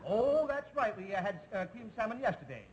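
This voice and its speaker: A chummy middle-aged principal from an old sitcom, hearty but forever distracted by other business. His voice runs high for a man. A faint hiss sits under the old television recording. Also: sing-song, a little fast. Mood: jovial. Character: jovial, scatterbrained middle-aged male principal. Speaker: school principal. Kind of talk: 1950s live TV sitcom acting.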